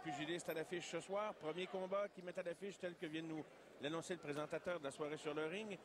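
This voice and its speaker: A man with a Quebec accent hosting live boxing commentary in a formal, measured way from ringside. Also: a little high, fairly even intonation. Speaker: sports broadcast host and commentator. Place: arena ringside. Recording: clear arena background noise.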